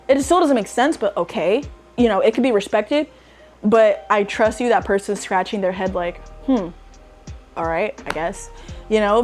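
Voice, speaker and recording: A young woman giving casual online commentary, exasperated and emphatic, with lots of "like" fillers. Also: mid-range voice. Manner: exasperated, emphatic ranting with frequent "like". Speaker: social media commentator.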